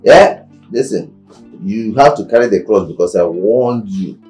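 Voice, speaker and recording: A man's voice: fairly low pitch, expressive, a little slow, a little mellow, slightly rough, faint music behind, rough recording. An actor with a Nigerian accent playing an angry father who scolds his wife, ranting and mocking, stumbling over repeated words. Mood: scolding.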